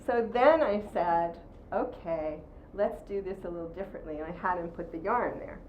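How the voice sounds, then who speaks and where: Woman presenting to a crowd, animated, acts out little scenes, echoey room, kinda dull lo-fi. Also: lowish voice, normal speed. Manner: animated storyteller, acts out quoted voices. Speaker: workshop presenter. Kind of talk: talk with audience questions. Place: room with audience. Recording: roomy, dull lo-fi sound with faint noise.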